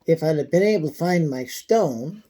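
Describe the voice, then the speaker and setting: A man giving a casual, folksy how-to demonstration, his voice thin and squeaky from a coming cold. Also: animated, dark tone. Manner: folksy, unhurried, frequent throat clearing. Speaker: video host demonstrating pocket knife care.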